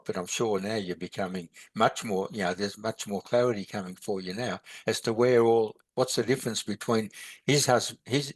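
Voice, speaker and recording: A man's voice: on the low side, no room sound. A man, teaching in a podcast chat, rambling with many halts and restarts. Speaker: meditation and philosophy teacher.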